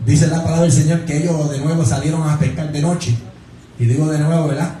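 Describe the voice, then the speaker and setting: A man's voice: fairly high pitch, steady tone, a little fast, mellow. Male preacher, folksy storytelling, recorded from a distance in a very echoey sanctuary with faint noise. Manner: storytelling preaching with frequent "gloria al Señor" and "¿verdad?". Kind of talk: sermon. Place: church sanctuary. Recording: very echoey church from far off.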